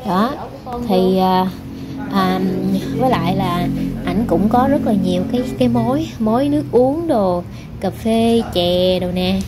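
A woman's voice: mid-range voice, measured pace, over loud music. A young woman, chatting casually to her viewers in a hair salon, full of fillers and asides. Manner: rambling, many fillers, addresses viewers directly. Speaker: vlogger. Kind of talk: casual vlog narration. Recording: noisy background.

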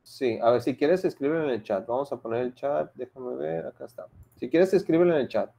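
A woman's voice: extremely low pitch, fairly quick, warm tone. A woman teaching an English class online, explaining patiently step by step and mixing English example sentences into her talk.

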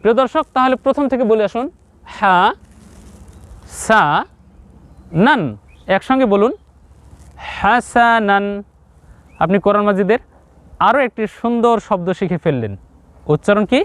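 A man's voice: high-pitched, animated, no echo. A man with a Bangladeshi Bengali accent teaching Quran reading, sounding out syllables step by step and asking questions he then answers himself. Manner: drills syllables slowly, asks and answers his own questions. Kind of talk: step-by-step recitation lesson to viewers.

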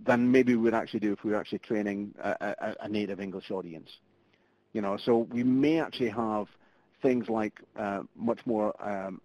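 Over muffled web conference audio, a middle-aged webinar presenter from Scotland talks through a live training session. His voice is lowish and a little mellow, the recording dry, and his chatty style is full of fillers and false starts.

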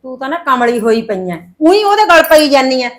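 An actress playing a middle-aged sister who briskly brushes off worries and reassures, in a short film drama. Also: female voice, sits high, very animated.

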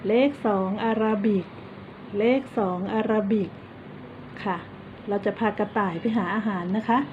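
A woman's voice: medium pitch, muffled recording. Patient woman teaching small children. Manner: patient, coaxing, repeats and spells words slowly for children. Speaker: kindergarten teacher. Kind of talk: online lesson for young children. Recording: steady background noise.

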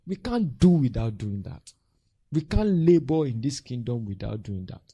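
A man's voice: medium pitch, moderate pace, slightly rough, dry recording. A man, a pastor mentoring a group and telling stories with acted-out voices and frequent laughs. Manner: animated storytelling, acts out voices and laughs often.

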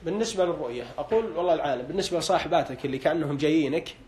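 Fast-talking man interpreting dreams. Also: fairly high pitch, darkish tone. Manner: hedging with religious phrases; questions callers briefly. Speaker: dream interpreter on live broadcast. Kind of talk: live call-in dream interpretation.

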